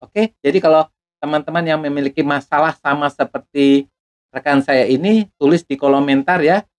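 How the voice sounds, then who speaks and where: A man's voice: fairly high pitch, steady tone, brisk. A man, a doctor and hypnotherapist, giving an educational talk to camera. He explains patiently and briefly acts out things parents say.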